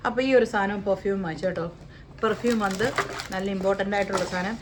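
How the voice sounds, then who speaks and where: A woman's voice: medium pitch, fairly even intonation, fast talker, background noise. Chatty Malayali woman showing a haul. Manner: chatty, playful, jokes about pronouncing brand names. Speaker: vlogger. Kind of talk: casual shopping haul chat. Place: home, living in the UAE.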